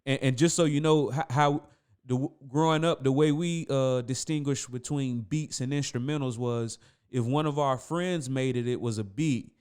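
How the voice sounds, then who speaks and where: A man's voice: medium pitch, normal speed, darkish tone, clean tone. A man hosting a podcast, chatting casually with his guest and often repeating words as he restarts. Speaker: podcast host. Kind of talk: casual interview chat.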